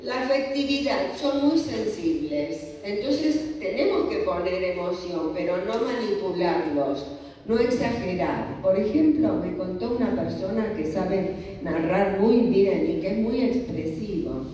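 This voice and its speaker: A woman's voice: mid-range voice, expressive, measured pace, dark tone, slight background noise. A woman giving a church lecture on children's ministry, teacherly and posing rhetorical questions to the audience. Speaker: conference speaker. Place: church hall. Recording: echoey hall, voice from far off the mic.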